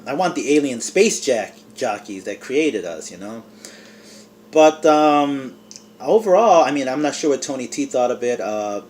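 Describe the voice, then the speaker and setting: A man's voice: mid-range voice, a little mellow, a little hiss or hum. A man giving a rambling, casual movie review to camera, full of fillers. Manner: eating and talking with mouth full.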